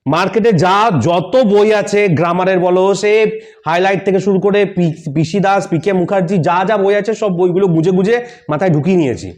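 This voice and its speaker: A man's voice: sits high, a little fast, a little mellow. A man teaching English grammar in style, asking questions and answering them himself, often checking "yes or no". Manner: repeats key points, checks with "Am I clear? Yes or no?". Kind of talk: classroom-style grammar lesson.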